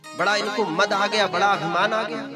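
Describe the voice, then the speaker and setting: Male religious storyteller, high-pitched, animated scripture discourse over instrumental music. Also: moderate pace. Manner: acts out story voices with lively pitch swings.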